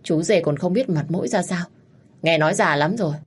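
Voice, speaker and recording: A woman's voice: lowish voice, brisk, husky. A woman voicing a sulky teenage girl. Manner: pleading, sulky. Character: stubborn seventeen-year-old girl, sulky and teasing.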